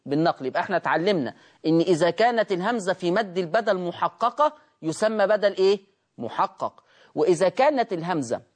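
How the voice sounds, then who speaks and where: An Egyptian Arabic-accented man leads a Tajweed recitation lesson. He keeps firing questions at the class and answering them himself. He drags out example words slowly to show how they should be pronounced. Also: fairly high pitch. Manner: asks and answers his own questions, drawn-out demonstrations. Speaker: Quran recitation teacher.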